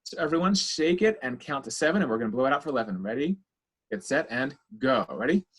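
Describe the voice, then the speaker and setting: Man, husky voice, child therapist, counting breaths for a webinar audience, video call. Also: mid-range voice, lively intonation, fast talker, fairly bright tone. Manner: coaching, counting the audience through exercises. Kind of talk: guided breathing instruction and lecture.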